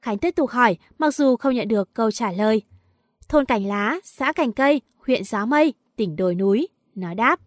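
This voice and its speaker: High-voiced woman reading a story. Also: expressive, normal speed, dry recording, clean studio sound. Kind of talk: storytelling narration.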